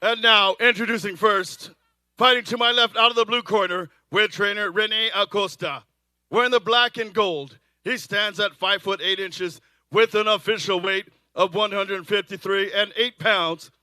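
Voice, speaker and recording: High, booming theatrical male fight announcer. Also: no echo. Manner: theatrical, drawn-out shouted names and phrases. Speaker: ring announcer. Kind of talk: boxing ring introductions, lucha libre announcer manner. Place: live boxing event.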